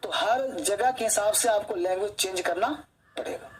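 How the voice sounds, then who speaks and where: A man's voice: high voice, normal speed, a little hiss or hum, low-quality recording. A male English teacher giving an online coaching lecture, chatty, who keeps quizzing his students and tells personal stories while he teaches.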